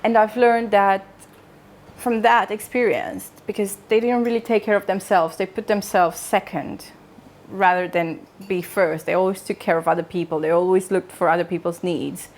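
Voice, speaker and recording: A woman with a medium-pitched, steady, slightly mellow voice speaks at a normal pace. She is from Transylvania, Romania, has a Romanian accent, and gives an informal wellness talk built on personal stories, chatting with her audience through jokes and questions.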